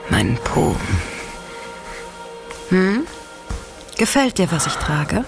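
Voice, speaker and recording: An actress playing a controlling, seductive woman in power in an audio drama, commanding and coaxing in a deliberate way. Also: lowish voice, vocal fry, exaggerated voice. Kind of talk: German audio drama acting. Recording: music behind the voice.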